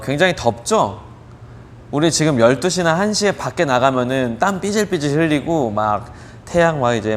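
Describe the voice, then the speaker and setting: A man's voice: medium pitch, a little hiss or hum. A man, a youth ministry pastor, giving a conversational sermon with rhetorical questions and frequent fillers as he retells a Bible story.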